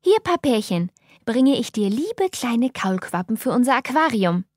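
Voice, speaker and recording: A woman's voice: a little high, very animated, measured pace, a little mellow, dry recording, clean studio sound. A woman voicing a bubbly, eager eighteen-year-old girl in a storybook reading.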